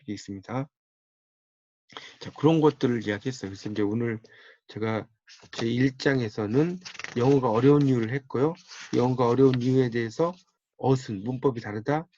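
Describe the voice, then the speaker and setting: A man's voice: medium pitch, normal speed, dark tone, no echo, muffled recording. A middle-aged man teaching English pronunciation in a lecture, repeating key terms and saying example words aloud. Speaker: English teacher and book author.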